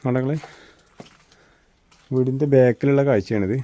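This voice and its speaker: A man's voice: medium pitch, normal speed, dark tone, highs cut off. A man with a Kerala Malayalam accent gives a casual, chatty walking tour outdoors, mixing English slang words into his Malayalam. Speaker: vlogger giving a walking tour. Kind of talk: casual chatty walk-and-talk narration. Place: outdoors in hilly countryside. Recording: outdoor rural recording with clear background noise.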